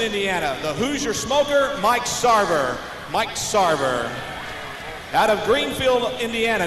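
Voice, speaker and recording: High-pitched American tractor pull announcer, echoing arena. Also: male voice. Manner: showy tractor pull announcer delivery, drawn-out names. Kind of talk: live arena announcing, introducing competitors. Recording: noisy, echoing arena PA with long reverb.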